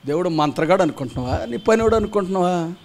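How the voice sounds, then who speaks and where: Man, pastor, gospel sermon, high voice, scolding, rhetorical questions, mocking imitations. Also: animated, very fast. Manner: acts out churchgoers' voices mockingly. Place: church gathering.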